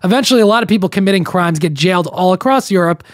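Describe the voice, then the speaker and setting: A young man co-hosts a casual podcast, reading listener emails aloud with running commentary and frequent restarts as he breaks in with his own remarks. His high-pitched voice is animated and very fast, captured in a dry, studio-quality recording.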